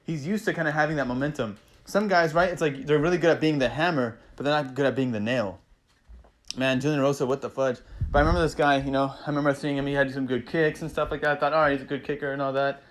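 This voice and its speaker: A man casually recapping fight results, excitable and rambling, swearing freely and peppering his talk with "man" and "you know". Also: mid-range voice, quick pace. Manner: acts out fighters' thoughts in quoted asides. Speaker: MMA vlogger recapping fights.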